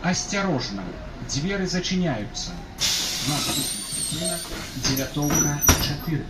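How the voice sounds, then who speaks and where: A man giving formal, measured stop announcements, played over a bus loudspeaker. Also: a little high, animated. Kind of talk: recorded transit stop announcements. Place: inside a moving bus. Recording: echoey loudspeaker from far off, loud vehicle noise.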